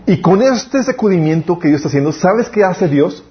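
A man giving a casual sermon as youth pastor, full of restarts and slowed emphatic phrases. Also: high-pitched, lively intonation, muffled recording. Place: church.

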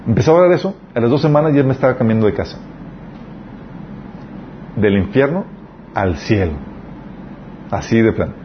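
A man's voice: mid-range voice, animated, moderate pace, pauses often, slight background noise. A man preaching a sermon in an earnest, conversational way, telling personal stories. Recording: dull lo-fi recording.

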